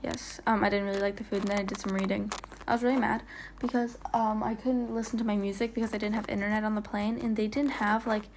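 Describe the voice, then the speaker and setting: Speaking quickly in a mid-range voice with flat delivery, a woman narrates over a little hiss or hum. She's a vlogger recording a casual travel voiceover away from the location, chatty, rambling, filler-heavy, and sometimes stumbling on words.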